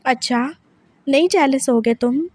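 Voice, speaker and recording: A woman's voice: high-pitched, unhurried, darkish tone, dry recording. Woman voicing an intense, pressing husband. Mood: taunting. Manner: pressing, repeats questions. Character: intense possessive young husband, man. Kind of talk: dramatic story reading.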